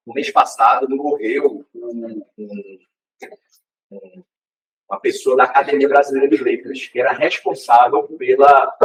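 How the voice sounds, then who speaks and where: A man's voice: a little high, a bit bright, far from the mic, poor audio. A man with a Brazilian Portuguese accent giving a workplace training talk, in a conversational way that often checks in with the group. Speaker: corporate trainer.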